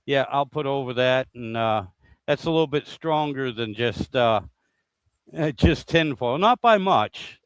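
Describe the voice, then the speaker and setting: A man's voice: medium pitch, a little slow, clear, resonant tone, no echo. Rambling American man hosting a stream. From United States. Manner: rambling, hesitant, many fillers and restarts. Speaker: livestream host. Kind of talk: casual livestream chat. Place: home shed workshop.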